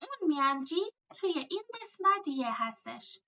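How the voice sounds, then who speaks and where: A high-voiced woman teaches a grammar lesson, walking through each rule and quizzing herself aloud. Her tone is very bright and sharp, and she sits a little back from the mic. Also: sing-song, far from the mic. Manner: explains step by step, asks and answers her own questions. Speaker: language teacher.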